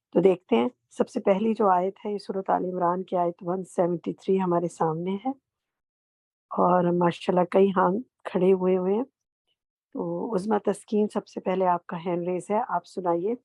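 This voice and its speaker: A woman teaching a Quran translation class online, calling on students and gently correcting their pronunciation. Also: fairly low pitch, fairly even intonation, gravelly, no echo.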